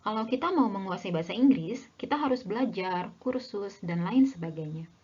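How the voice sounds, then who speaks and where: A young woman narrates a scripted language lesson and speaks to viewers as friends. Her voice is husky and a little breathy. The recording sounds dull and lo-fi. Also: medium pitch, lively intonation, moderate pace, darkish tone. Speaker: language teacher.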